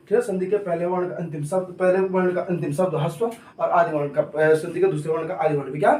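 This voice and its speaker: A male coaching teacher gives a classroom grammar lesson in a slightly high, somewhat mellow voice, talking fast with a steady tone. He repeatedly asks a question and answers it himself in call-and-answer fashion, noting that he talks hurriedly. The distant mic picks up a roomy echo.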